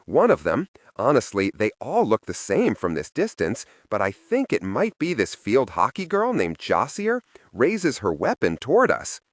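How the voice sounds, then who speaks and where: Man narrating an audiobook, richly animated. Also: mid-range voice, moderate pace, few pauses, dry recording, studio quality. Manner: expressive, with a wry, storytelling delivery. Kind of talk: scripted first-person audiobook narration.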